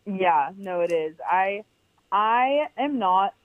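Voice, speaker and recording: A young woman with a powerful, mid-range voice talks slowly and expressively as a guest on a podcast, where she appears as the founder of a clothing brand. She is chatty and emphatic and fills her speech with "like." The line sounds tinny and phone-like, dry with no room sound.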